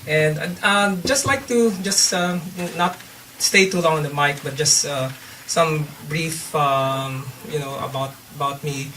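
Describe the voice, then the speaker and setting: A man introduces himself in a bright, somewhat high voice, friendly and hesitant with frequent uhs. The mic sits at a distance, with faint background noise. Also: unhurried. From Philippines. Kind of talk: short self-introduction speech.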